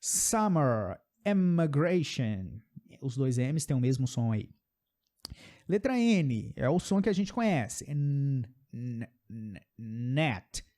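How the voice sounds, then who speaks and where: A man's voice: medium pitch, very animated, mellow. Brazilian man teaching English pronunciation. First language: Brazilian Portuguese. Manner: repeats English words slowly, checks in with "ok?". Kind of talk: pronunciation lesson.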